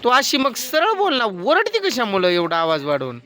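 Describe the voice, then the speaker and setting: A man's voice: very high-pitched, wildly swooping pitch, moderate pace, pushed and bright. A man filming a vlog who keeps pressing questions and scolds in a casual family chat. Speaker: vlogger.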